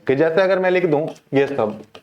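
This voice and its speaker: A man's voice: a little high, animated, moderate pace, muffled recording. A male teacher giving a classroom lecture on English pronunciation. He keeps asking the class questions and then answering them himself.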